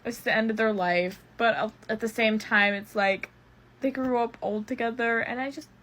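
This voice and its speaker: A woman's voice: on the high side, fairly even intonation, moderate pace, a bit bright. A young woman casually chatting as she recommends fanfiction, rambling with frequent fillers and laughs. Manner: rambling, lots of "um" and "like", laughs often. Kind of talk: casual chat.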